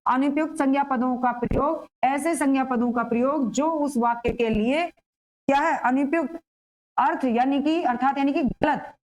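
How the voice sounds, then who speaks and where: A woman's voice: sits high, moderate pace, low-quality recording. A woman teacher giving an exam-prep grammar lesson, explaining patiently and asking and answering her own questions.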